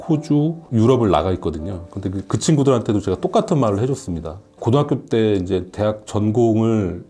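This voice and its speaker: A man's voice: lowish voice, dark tone. A man in his late forties, a professor chatting candidly and conversationally as a guest answering questions on a casual radio show. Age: late 40s.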